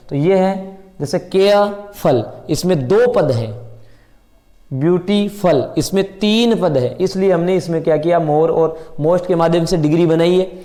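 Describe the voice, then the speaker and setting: A middle-aged man gives a classroom grammar lesson in a mellow, warm voice pitched a little high for a man. He explains each point step by step, often asking a question and then answering it himself. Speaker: English teacher.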